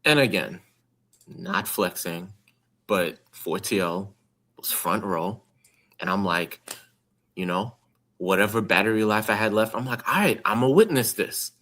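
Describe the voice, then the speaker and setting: A man's voice: fairly low pitch, unhurried, long pauses, sharp tone. A man hosting a podcast in casual conversation. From New York. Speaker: podcast host. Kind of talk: casual chat.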